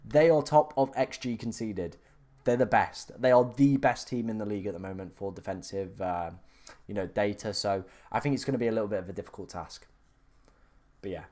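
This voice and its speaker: Answering live chat on his fantasy football stream, a young man from England reads out viewer questions and works through the options in a casual, filler-heavy way with frequent restarts. He has a mid-range, slightly mellow voice.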